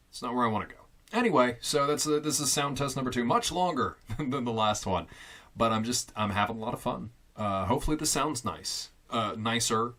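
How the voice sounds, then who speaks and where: With a voice on the low side, a young vlogger checks his home studio by chatting loudly into a stand-mounted condenser mic in a cramped, foam-lined closet. The talk is casual and rambling, packed with fillers, restarts and amused asides.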